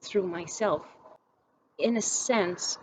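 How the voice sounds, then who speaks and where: A young woman from Greece vlogs reflectively to camera, thinking aloud and restarting as she reaches for words. She speaks slowly in a fairly low, darkish voice. The audio is poor, with slight background noise.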